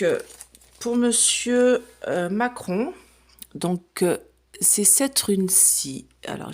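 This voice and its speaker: A woman's voice: on the low side, a little mellow. A woman chatting casually to camera as she lays out runes and cards for a reading, explaining each step with plenty of fillers. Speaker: psychic reader.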